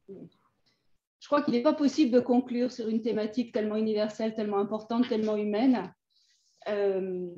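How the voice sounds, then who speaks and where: A woman with a somewhat high, mellow voice moderates a live author talk and stalls on fillers as she gathers her words. Her audio sounds roomy and dull, as if she is recorded in an echoing room through a lo-fi stream. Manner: hesitant, many fillers while finding words. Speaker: event moderator. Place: room in Thessaloniki.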